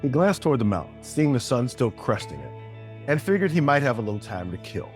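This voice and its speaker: Guy reading a fantasy story, middle-pitched, steady, soft music underneath. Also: brisk. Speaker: narrator. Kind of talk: scripted fantasy narration.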